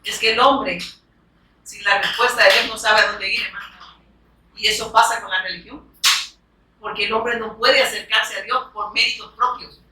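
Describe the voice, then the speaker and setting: A woman's voice: medium pitch, fairly even intonation, moderate pace, pauses often, bright, forceful tone, slight background noise. A woman preaching a sermon to a congregation, speaking emphatically, urging her listeners to look closely and punctuating her points with amen. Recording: echoey room, voice picked up from a distance.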